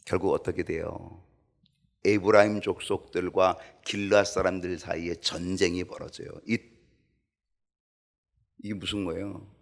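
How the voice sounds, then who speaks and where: A man preaching a sermon as pastor in a church, animated and acting out quoted voices. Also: sits low, measured pace, creaky, long pauses.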